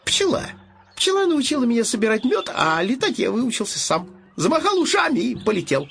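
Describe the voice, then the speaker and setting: A man voicing a brave, cheeky little piglet from a storybook, in a high, chirpy voice. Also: huge pitch swings, a little fast, creaky, fairly bright tone, full character voice. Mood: cheerful.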